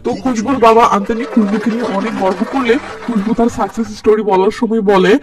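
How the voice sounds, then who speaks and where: A man's voice: high-pitched, steady tone, fast talker. A man casually recapping a film's plot, with wry, chatty asides. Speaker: film recap narrator. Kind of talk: casual film recap narration. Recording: distant mic with background music.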